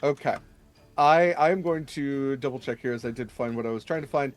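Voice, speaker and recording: Halting male game master, conversational delivery. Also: medium pitch, faint music behind. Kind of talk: improvised narration of a tabletop game.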